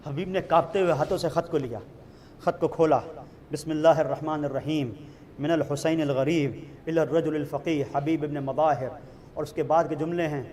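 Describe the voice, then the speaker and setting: A man preaching a Muharram sermon, telling the story dramatically, moving between hushed passages and wailing cries, and chanting Arabic quotations slowly. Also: a little high, fairly even intonation. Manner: recites Arabic quotations in slow chanted tones. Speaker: Shia cleric giving a Muharram majlis.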